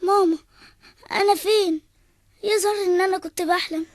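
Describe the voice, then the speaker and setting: A woman's voice: very high-pitched, steady tone, fairly quick, dry recording, clean studio sound. A woman voicing a frightened little blind boy with an Egyptian accent, speaking in a tearful, pleading way. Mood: confused. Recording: background music.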